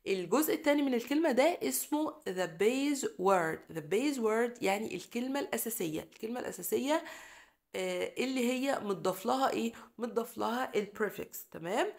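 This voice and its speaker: A woman with an Egyptian Arabic accent teaching English pronunciation to children in a recorded lesson. She patiently says each example word twice and cheers her pupils on. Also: on the high side. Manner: encouraging, addresses pupils fondly.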